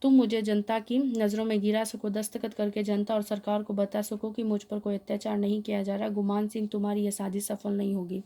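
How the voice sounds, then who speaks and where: A defiant male freedom fighter declaims his proud lines to his captors, as a woman reader gives him a voice. The tone is mellow and even. It has little pitch movement. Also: a little fast, few pauses, lightly acted.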